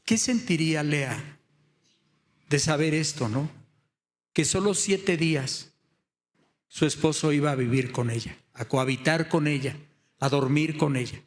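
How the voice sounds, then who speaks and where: Fervent higher-voiced male preacher. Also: a little slow, pauses often. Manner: storytelling, rhetorical questions, rising to loud impassioned emphasis. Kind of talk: sermon.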